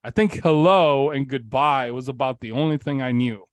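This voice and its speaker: In a casual podcast interview, a man in his forties, originally from Bulgaria, shares his story in a loose, candid way, dropping frequent fillers and now and then a curse. His voice is mid-range and his speed normal, with no room sound.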